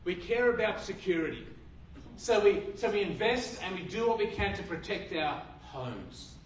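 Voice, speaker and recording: At normal speed, an Australian pastor preaches in a church hall, his high voice sing-song and earnest. He asks rhetorical questions and restarts phrases while holding a handheld mic. The sound is roomy and distant, with a little background noise.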